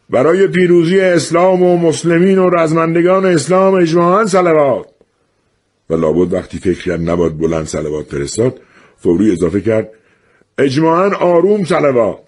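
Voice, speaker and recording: Brief: male storyteller, husky and expressive, swings widely in pitch and acts out the voices. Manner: lively, acts out the voices of others. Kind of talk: storytelling narration.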